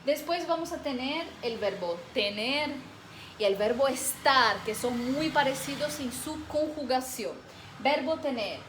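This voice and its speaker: A woman's voice: sits high, expressive. Patient woman teacher, roomy echo. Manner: patient, drills conjugations slowly, checks in with "¿ok?". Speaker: Spanish teacher. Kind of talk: video lesson. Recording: roomy echo, faint background hiss.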